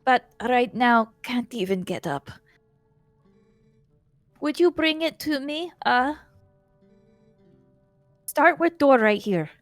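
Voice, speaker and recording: A woman voicing a small, sick female yeti wife with a put-on Russian accent, talking in halting broken English. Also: a little high, lively intonation, dry recording, faint music behind, voice pushed up. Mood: feverish, pleading.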